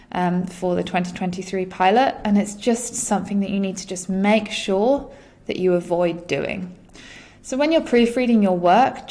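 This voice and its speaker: A young adult woman, a teacher and exam marker, giving a lesson voice-over with direct, encouraging advice and frequent pauses. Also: mid-range voice.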